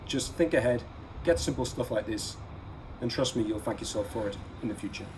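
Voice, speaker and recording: Animated and a little fast, with a medium-pitched voice, a man guides viewers through products on his casual everyday-carry gear vlog, giving advice and leaning on key words. Ambient background noise is clearly audible.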